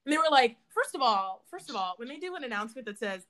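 A young woman co-hosts a casual chat, telling stories with bursts of laughter and little acted-out voices. Her voice sits a bit high. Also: sing-song, fast, fairly bright tone. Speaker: podcast co-host.

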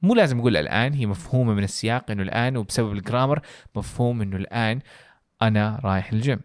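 A man's voice: lowish voice, rapid-fire, no echo, studio quality. A man co-hosting a casual podcast lesson, explaining English phrases through many examples and acting them out with exaggerated intonation. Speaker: podcast co-host teaching English.

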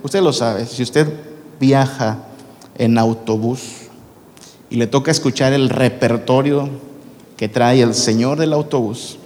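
Male preacher, mid-pitched, conversational sermon voice, recorded in a big echoing church hall. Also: takes it slowly, long pauses, darkish tone. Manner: conversational, asks the congregation questions. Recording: long reverb from a large hall.

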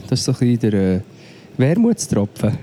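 This podcast co-host, a man with a Swiss German accent, is sick and coughing at home as he chats casually on a remote call and complains about the connection. He speaks fairly quickly in a warm, medium-pitched voice with huge pitch swings, over slight background noise.

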